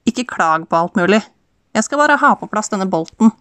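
A woman lends her voice to a gruff middle-aged mechanic who swears freely and grumbles at his helper. The storybook reading sounds dry and close, with a mid-pitched voice. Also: lively intonation, a bit bright, no room sound, close to an everyday voice. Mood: grumbling. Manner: gruff, cursing.

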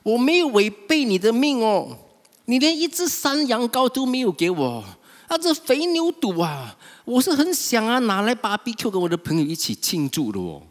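A man's voice: extremely high pitch, very animated, normal speed, pitched above the performer's own voice. Man doing a raised-voice resentful elder son, indignant, swooping complaints, reverberant hall.

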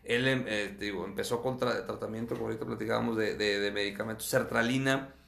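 A man, a guest talking candidly in an interview, speaking quickly and restarting words often. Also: fairly low pitch, steady tone, gravelly, fairly bright tone, reverberant. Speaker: guest sharing his own experience.

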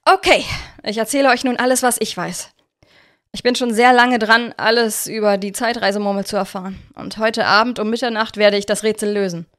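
A woman voicing a secretive, excitable young male detective, talking in a hurried, eager way. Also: medium pitch, close to an everyday voice.

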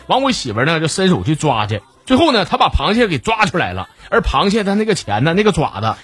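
A husky man with a Northeastern Mandarin accent tells comic stories, his pitch bouncing up and down with animated delivery. He teases and stumbles over quick restarts. Soft music plays faintly underneath. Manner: chatty, teasing, stumbling restarts. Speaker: host reading listener stories. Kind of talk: comic storytelling.

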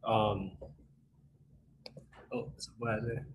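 A man's voice: fairly low pitch, level tone, slow, background noise. A man teaching a Bible lesson to a group in a casual way, often checking in with his listeners. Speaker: youth Bible study leader.

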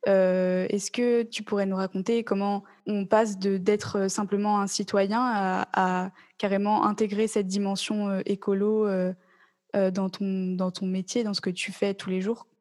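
A woman's voice: medium pitch, level tone, unhurried, darkish tone. A woman hosting a podcast, asking friendly questions with some hesitation and fillers. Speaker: podcast host. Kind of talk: podcast interview.

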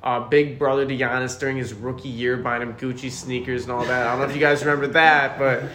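A man's voice: mid-range voice, level tone, quick pace, bright, forceful tone. A man hosting a casual sports podcast, talking enthusiastically and rambling as he speaks straight to the fans. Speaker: podcast host. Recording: roomy with faint noise.

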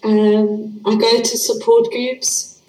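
A woman's voice: on the high side, little pitch movement, slow pace, a little mellow. Casting: South African woman, fervent new convert, tearful personal testimony, roomy echo, off-mic sound. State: tearful, laughing through tears. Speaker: testimony speaker. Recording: echoey room, distant mic.

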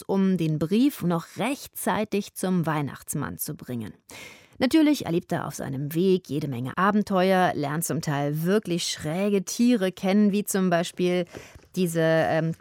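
A woman in her thirties chats with viewers about a children's book she loves and sometimes reads passages from it. Her voice sits fairly low, and the recording is close and dry. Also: no echo. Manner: lively and chatty, addressing viewers. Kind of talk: book recommendation with reading aloud.

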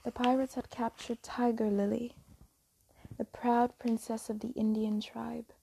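A woman telling a fairy tale as a soft, slow, whispered bedtime story reading. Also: a little high, level tone, creaky, a little hiss or hum, low-quality recording.

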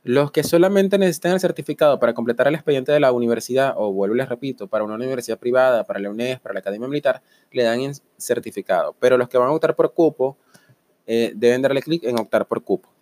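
A man with a Venezuelan Spanish accent and a hoarse, sepulchral voice, as if down with the flu, hosting an informal podcast monologue and giving emphatic, repeated step-by-step instructions. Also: mid-range voice, fast, darkish tone, dry recording. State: under the weather with a flu-like hoarseness. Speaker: podcast host.

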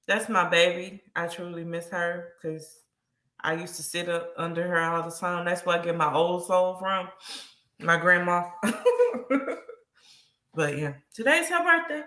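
Slow, bright-voiced woman in an echoey room. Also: lowish voice. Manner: rambling and sentimental, laughing often. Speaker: co-host of a live stream. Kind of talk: casual chat.

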